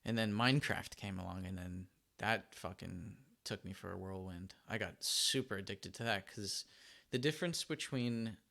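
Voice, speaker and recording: A young man co-hosting a podcast, talking in an animated, emphatic way and repeating himself as he gets going. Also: on the low side, vocal fry. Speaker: podcast co-host. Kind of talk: casual chat.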